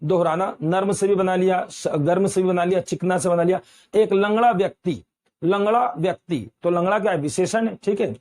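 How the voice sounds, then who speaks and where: Male Hindi grammar teacher from Uttar Pradesh, high voice, quizzes the class and repeats key words. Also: normal speed, a little mellow. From Uttar Pradesh, India. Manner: addresses students as beta, repeats quiz questions.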